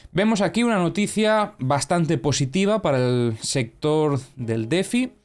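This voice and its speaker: A young man hosting crypto news and analysis, talking in a chatty, explanatory way with many fillers and self-corrections. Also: fairly high pitch. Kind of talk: casual news commentary.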